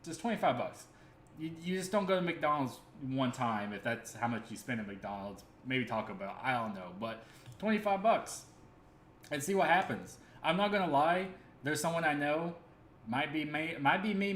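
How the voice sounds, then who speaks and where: A man's voice: a little high, animated, moderate pace, fairly bright tone, a little hiss or hum. Rambling, earnest man in an echoey room. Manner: rambling, earnest, full of fillers and restarts. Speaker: crypto stream host. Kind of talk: casual livestream talk. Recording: echoey room with faint ambience.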